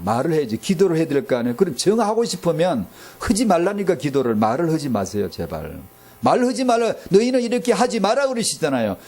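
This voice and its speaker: A man preaching a sermon in a fairly high voice that swings wide in pitch. He presses points by repeating words, then falls almost silent before rising again. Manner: impassioned, repeats words for emphasis, swings from loud to very soft. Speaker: pastor.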